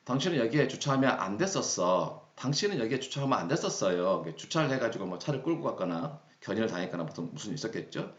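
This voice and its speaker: A Korean man teaching English phrases, reading each example sentence slowly and deliberately. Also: lowish voice, big pitch swings. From South Korea. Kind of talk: explaining English phrases in a lesson. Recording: roomy, dull lo-fi sound.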